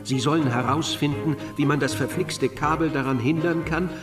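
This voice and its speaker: An actor playing a courteous, paternal company director urging someone on in a German audio drama. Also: male voice, fairly high pitch, steady tone, moderate pace, recorded from a distance, over music, close to an everyday voice. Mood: persuasive.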